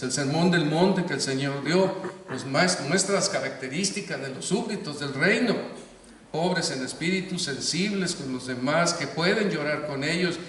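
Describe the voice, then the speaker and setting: A man's voice: medium pitch, a bit bright, distant mic, a little hiss or hum. Older man preaching in an echoey hall. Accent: Mexican Spanish. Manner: earnest preaching, storytelling, rising to emphatic calls. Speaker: pastor. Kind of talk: sermon.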